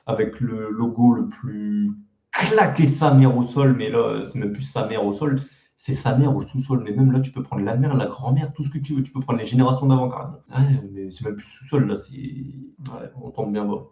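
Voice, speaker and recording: A man's voice: medium pitch, mellow, highs cut off. Male reaction YouTuber, teasing and self-deprecating, echoey room. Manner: mocking, crude slang, self-deprecating. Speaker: YouTuber reacting to his old videos. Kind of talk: casual reaction commentary.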